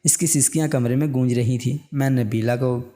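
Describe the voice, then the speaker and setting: A man narrating a written story in a calm, steady reading voice. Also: mid-range voice.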